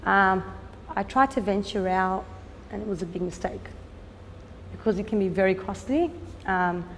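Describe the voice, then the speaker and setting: An Australian woman in her thirties, a fashion designer and business owner, discusses her work in a documentary interview. Her medium-pitched voice is earnest and unhurried, often pausing on "um." The room has a long reverb and faint background noise.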